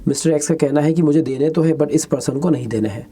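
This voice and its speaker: Guy going through exam answers, mellow low-key voice, switches hindi and english, reads questions slow. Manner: Hindi-English mix, reads English questions slowly, chatty asides. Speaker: lecturer. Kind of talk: exam-prep lecture.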